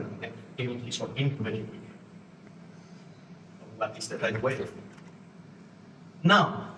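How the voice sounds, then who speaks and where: A man from Spain speaks in a Spanish accent at a middling pitch, giving a live talk to a conference audience. His phrasing halts and restarts as he acts out postures and inner voices. The recording is echoey and taken from a distance, with a faint hiss of noise underneath. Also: a bit bright. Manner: halting non-native phrasing with frequent restarts. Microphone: distant room mic.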